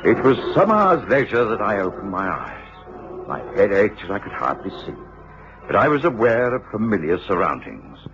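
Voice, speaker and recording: English doctor narrating, very deep, expressive, reflective, dull vintage radio sound. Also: male voice. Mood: weary, reflective. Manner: measured, reflective storytelling. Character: gentlemanly doctor narrating his own ordeal. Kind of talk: 1950s-60s British radio drama narration. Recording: dull, slightly noisy old radio recording.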